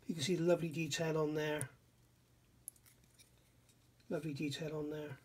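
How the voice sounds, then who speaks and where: Here a middle-aged man examines a scale model kit at his indoor workbench in a casual hands-on review, musing, admiring and often doubting himself as he thinks aloud. The voice is fairly high and breathy-edged, level in tone, at normal speed.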